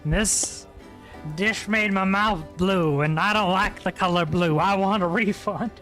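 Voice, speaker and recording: A man's voice: high voice, unhurried, bright, forceful tone, faint music behind. A man doing an indignant drunken dwarf. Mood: complaining. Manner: indignant, stubborn. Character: small, drunken, angry male dwarf customer. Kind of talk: tabletop role-play acting.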